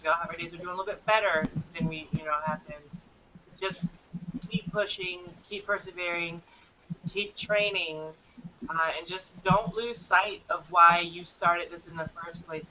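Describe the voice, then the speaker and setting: A woman's voice: fairly low pitch, bright, forceful tone, muffled recording, a little hiss or hum. A woman, a guest wrestler, chatting in a casual podcast interview with an upbeat, easygoing manner. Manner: upbeat, laughs easily.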